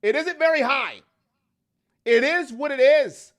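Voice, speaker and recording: A man's voice: very high voice, fairly bright tone. A man hosting a fan livestream, ranting heatedly about his team and reading chat messages aloud. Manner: heated, ranting, fast-shifting intensity. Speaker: fan channel host.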